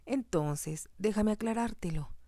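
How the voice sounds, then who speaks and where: A woman's voice: mid-range voice, unhurried, warm tone, no room sound, studio quality, pitched above the performer's own voice, lightly acted. A woman voicing a haughty, hostile stepmother who speaks in a cold, curt and scornful way.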